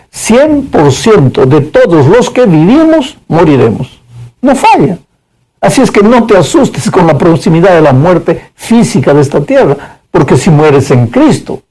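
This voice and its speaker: A man's voice: a little high, slightly rough, poor audio. A man preaching a sermon, telling a story and speaking directly to his listeners. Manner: animated, addresses listeners directly.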